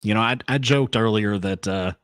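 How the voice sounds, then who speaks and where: Hosting a solo podcast, a man talks off the cuff with hyped banter and shout-outs to his chat. His fairly low voice moves at normal speed through a compressed studio microphone with no room sound.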